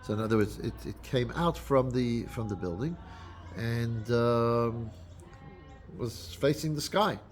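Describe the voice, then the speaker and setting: With soft music in the background, a mid-range male voice delivers an off-the-cuff holiday address as a rabbi to his congregation. His speech is halting, full of fillers and repeated restarts.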